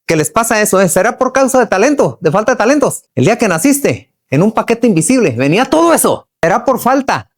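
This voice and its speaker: Brief: middle-aged man, motivational speaker, animated pitch, folksy and slangy. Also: fairly quick, few pauses. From Chihuahua, Mexico. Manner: folksy, earthy slang, asks the audience many questions. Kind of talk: motivational talk to workers.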